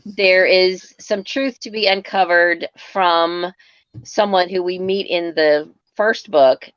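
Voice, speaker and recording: A woman's voice: on the low side, fairly even intonation, slow pace, dry recording. A woman hosting a casual live-stream book interview, heard over a phone. She talks in a chatty, upbeat way with many fillers and restarts. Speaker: host. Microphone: phone mic. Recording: dull, dry phone audio.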